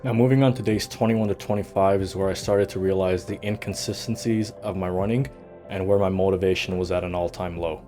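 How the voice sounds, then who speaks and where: A man giving a scripted voice-over for his fitness vlog, steady and matter-of-fact as he lists his numbers. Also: sits low. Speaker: vlogger.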